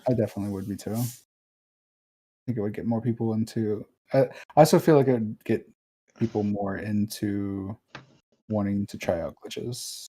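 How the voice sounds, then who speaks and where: A man's voice: lowish voice, steady tone, normal speed, mellow, breathy edge, low-quality recording. A man commentating a game race in casual chat, rambling with many restarts and fillers.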